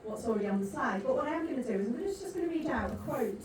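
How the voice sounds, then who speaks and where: A woman's voice: high-pitched, expressive, very fast, a little mellow. A woman moderating a conference panel, delivering her points in an emphatic, rhetorical way. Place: large conference hall. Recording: echoey hall from far off, noisy.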